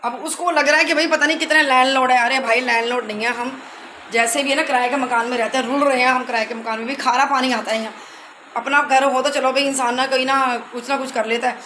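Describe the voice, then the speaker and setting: A middle-aged woman chats through a casual home vlog. She talks in an animated way as she walks about her rented house with a phone camera. Faint household noise sits behind her voice. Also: sits high, fast talker, roomy sound, poor audio. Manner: chatty and animated, retelling arguments. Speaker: vlogger.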